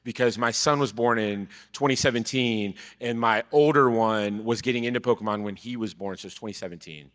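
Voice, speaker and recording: A man in his thirties from Brazil, telling his story as a podcast guest in relaxed, casual talk that trails off quietly. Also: mid-range voice, a little fast, hardly any pauses. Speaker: podcast guest, card vendor. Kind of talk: casual chat. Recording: live event hall with long reverb.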